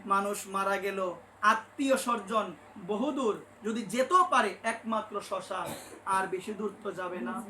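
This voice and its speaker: Impassioned high-voiced preacher man. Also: unhurried, bright, forceful tone, a little hiss or hum. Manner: impassioned, rising to emphatic peaks, addresses listeners as mother. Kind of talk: devotional sermon with storytelling. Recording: echoey room with faint ambience.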